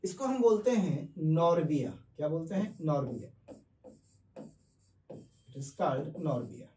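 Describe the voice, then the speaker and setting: A man's voice: fairly high pitch, animated, a little slow, dark tone, far from the mic, slight background noise. A man teaching chemistry, explaining step by step, asking questions and answering them himself, with English terms mixed into his speech. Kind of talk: classroom lecture. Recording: echoey room, voice off-mic.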